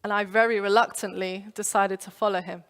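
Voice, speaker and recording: A London pastor with a brisk, mid-range voice delivers a youth sermon in a reverberant church hall. She tells stories with animation, acting out characters' inner voices.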